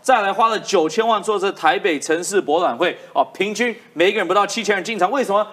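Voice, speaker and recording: A woman's voice: mid-range voice, quick pace. A woman with a Taiwanese accent giving live political commentary in an emphatic way, repeating her points for effect. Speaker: political commentator on a talk show.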